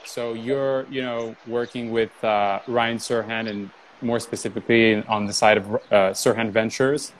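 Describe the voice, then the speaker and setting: A man's voice: medium pitch, fairly even intonation, unhurried, few pauses, low-quality recording. A man hosting an interview, talking casually with lots of "you know" fillers. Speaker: interview host.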